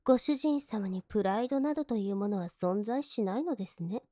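A woman's voice: mid-range voice, expressive, a little fast, no echo, studio quality, close to an everyday voice. A woman playing a scornful young maid. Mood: disgusted sneer. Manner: politely contemptuous, mocking; drops into soft whispers to sneer. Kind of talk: adult audio drama.

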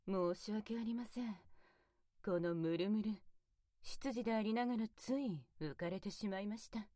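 A woman voicing a devoted, high-ranking demon butler in a whispered ASMR roleplay, speaking with extremely polite, servile formality into a close binaural mic. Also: slow, pauses often, mellow, dry recording, lightly acted. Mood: teasing. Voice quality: breathy whisper. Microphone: close binaural mic, left and right ears.

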